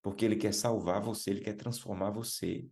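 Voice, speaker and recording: A Brazilian man preaching a sermon, emphatic, repeating key words and calling listeners brothers, slowing to stress lines. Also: steady tone, vocal fry, darkish tone. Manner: emphatic, rises in pitch and slows down for stressed phrases.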